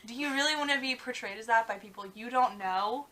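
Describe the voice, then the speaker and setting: A young woman co-hosting a casual vlog chat, talking fast and loose with lots of fillers. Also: fairly high pitch, sharp tone, poor audio. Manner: chatty, many "like" fillers, trails off. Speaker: vlog co-host.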